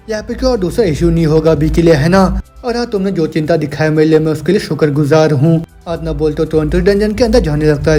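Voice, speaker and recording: A man's voice: on the high side, warm tone. A man retelling a comic's story in a plain storytelling way, speaking the characters' lines in his own voice. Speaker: manhwa recap narrator. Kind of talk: storytelling recap narration.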